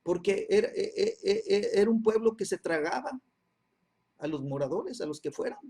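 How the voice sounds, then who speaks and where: A man's voice: high-pitched, lively intonation, normal speed, vocal fry, darkish tone, breathy edge. A man teaching a Bible class, repeating phrases and checking in with his listeners after nearly every line. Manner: constant "¿sí?" and "¿verdad?" check-ins, repeats phrases.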